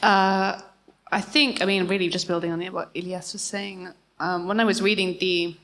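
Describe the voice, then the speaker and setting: A woman on a live book panel, speaking chattily with small laughs and quick self-corrections. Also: fairly low pitch, steady tone, fairly bright tone. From Scotland. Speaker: panelist, writer. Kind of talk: casual chat at a live panel.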